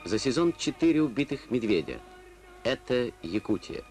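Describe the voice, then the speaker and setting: Male old-newsreel voice-over, terse announcer delivery, pitch swings widely. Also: very animated, moderate pace, darkish tone. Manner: terse, clipped announcing phrases. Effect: old newsreel narration. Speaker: newsreel narrator. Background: music.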